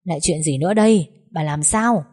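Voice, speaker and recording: A woman's voice: mid-range voice, brisk, breathy edge. A woman voicing a weary older husband and father in an audiobook story. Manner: weary, flat.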